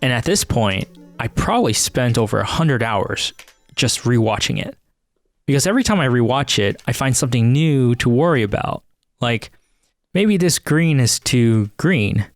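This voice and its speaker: A man's voice: medium pitch, expressive, normal speed, faint music behind. A man hosting a podcast, narrating in a scripted, wry and self-deprecating way. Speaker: podcast host.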